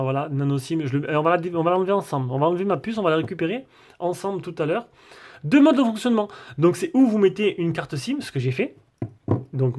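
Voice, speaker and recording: A man's voice: on the high side, a little mellow. A man doing a casual, rambling tech review, full of fillers and restarts.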